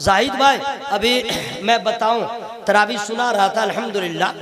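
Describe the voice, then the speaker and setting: A man preaching with a strikingly high voice, building repetitive lines into loud shouted peaks before easing into casual banter. A crowd is clearly heard around him at the live gathering. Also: moderate pace. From Kolkata, India. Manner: rhythmic repeated phrases rising to shouted climaxes; drops to chatty, joking asides with the crowd. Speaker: Islamic preacher. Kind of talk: sermon to a gathering.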